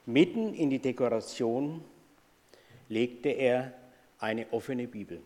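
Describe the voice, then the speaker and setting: A man preaches in a calm, conversational way with a mid-range voice. A long reverb fills the hall around him. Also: mid-range voice, takes it slowly. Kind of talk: sermon with story reading. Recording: echoey hall.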